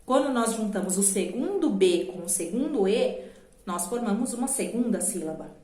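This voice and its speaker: A woman with a Brazilian Portuguese accent teaching a children's grammar lesson, patiently slowing down to spell out letters and syllables. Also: mid-range voice, lively intonation, warm tone. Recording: echoey room.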